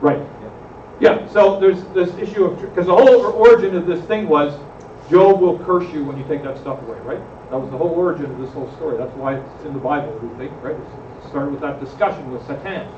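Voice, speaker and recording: A high-voiced man leads a church discussion group and keeps asking questions of the room. He is recorded from across an echoey room, so he sounds muffled and distant, with faint noise behind him. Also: brisk, darkish tone. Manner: questions the group, frequent "right?" tag. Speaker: pastor leading a group discussion. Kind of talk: conversational Bible study discussion.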